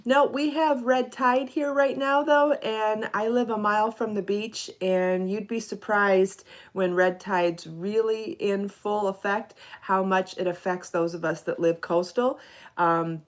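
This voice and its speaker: A middle-aged woman, a knitting and crochet designer hosting a live podcast, chats casually and greets viewers by name. Her medium-pitched voice is steady and unhurried, slightly stuffy from allergies.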